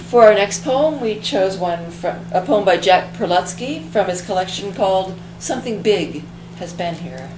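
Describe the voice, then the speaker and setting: A woman from the library staff introducing children's poems in a measured, friendly way. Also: medium pitch, expressive, noisy background. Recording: echoey room with faint ambience.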